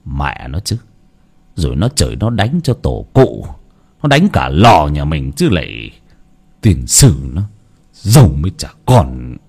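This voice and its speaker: A man voicing a gruff, grumbling old grandfather in a storybook tale. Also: a bass voice, huge pitch swings, measured pace, a little mellow, voice pushed down, heavily acted. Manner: gruff, muttering.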